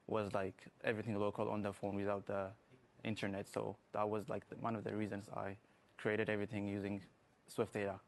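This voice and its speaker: Young guy from ethiopia on a tv interview, low gravelly voice, lots of uh and like. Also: monotone. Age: young adult. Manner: halting, many fillers like "uh" and "like". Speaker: guest, student app developer. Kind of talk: morning TV interview.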